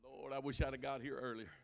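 A man preaching a sermon, impassioned, his delivery swelling into shouted cries. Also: mid-range voice, creaky, big-room sound. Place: church sanctuary.

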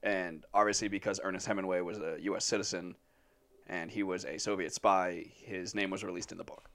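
A man's voice: deep voice, fairly even intonation, brisk, fairly bright tone. Rambling man hosting a podcast. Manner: rambling, filler-heavy, laughs often. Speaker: podcast host presenting the topic. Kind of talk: casual podcast chat.

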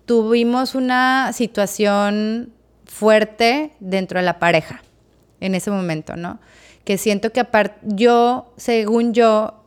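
A woman's voice: medium pitch, smooth. A woman with a Mexican accent, co-hosting a podcast and frankly telling a personal story in a reflective, candid way. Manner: frank, reflective, full of fillers like o sea. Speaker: podcast co-host.

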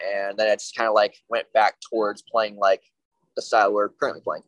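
A man in his late twenties, a band member, telling the story of his music tastes in a steady, matter-of-fact way during a casual podcast interview. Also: on the low side, brisk, dry recording, low-quality recording. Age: 20s.

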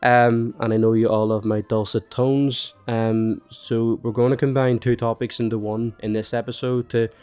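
A man's voice: medium pitch, little pitch movement, normal speed, few pauses, a little mellow, clean tone, soft background music. A young man hosting a podcast, chatty and self-mocking, sounding nasal and bunged up. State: congested with a cold. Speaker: podcast host. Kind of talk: casual podcast monologue.

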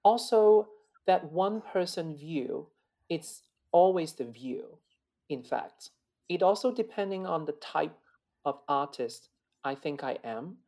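Slow and expressive, a high-voiced man from China who sings opera answers interview questions with earnest reflection. His tone is warm, and he tends to restart and repeat himself.

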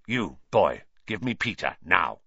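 A male narrator drops low into a haggard escaped convict who snarls and croaks his words, grim and intense. The voice sits well below the narrator's own, on a dull, dry recording. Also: very animated, unhurried, a bit bright, dry recording, heavily acted. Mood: grim intensity.

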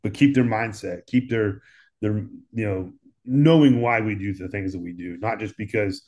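A man's voice: lowish voice, moderate pace, a little mellow, highs cut off. A man in his thirties with an American accent, a firefighter talking earnestly in a casual chat and often repeating words as he thinks. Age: 30s. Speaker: firefighter guest.

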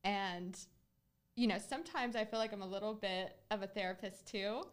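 A woman's voice: medium pitch, steady tone, normal speed, clean tone. A woman hosting a podcast, talking casually and earnestly as she tells a client story. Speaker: podcast host, real estate agent.

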